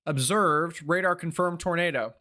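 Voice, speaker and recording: Man, weather stream host, sharp bright tone, live storm commentary, urgent, excitable, informal, thinking aloud. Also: on the high side, normal speed.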